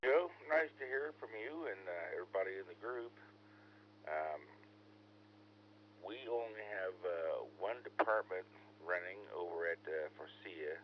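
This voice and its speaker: Ham radio regular, man, easygoing, many fillers; slow and low, dull lo-fi radio with static. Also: animated. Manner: easygoing, laid-back, hesitant with many fillers. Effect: radio transmission with static. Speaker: ham radio net check-in. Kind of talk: casual radio chat. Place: basement office.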